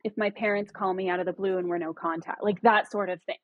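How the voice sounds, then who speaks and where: Guest, woman, husky voice, dry muffled sound, reflective and explanatory. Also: medium pitch, fairly even intonation, fast talker, dry recording. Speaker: podcast guest. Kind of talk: casual conversation.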